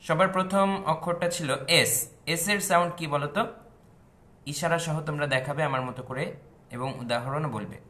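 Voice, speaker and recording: Guy doing a kids phonics class, bright voice pitched a bit high, stretches out the letter sounds. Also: fairly even intonation. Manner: drawn-out letter sounds, loud on example words; coaxing, calls children dear ones. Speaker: phonics teacher. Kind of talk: children's phonics lesson.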